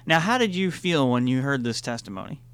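A man's voice: medium pitch, big pitch swings, brisk, fairly bright tone, clean tone, no echo. A man hosting a radio interview, earnest and encouraging. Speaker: host.

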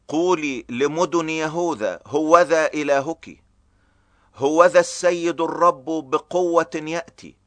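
A man reading a chapter of scripture aloud in a slow, measured, grave recitation. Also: a little high, fairly bright tone, no room sound. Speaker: scripture reader. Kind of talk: solemn scripted Bible reading.

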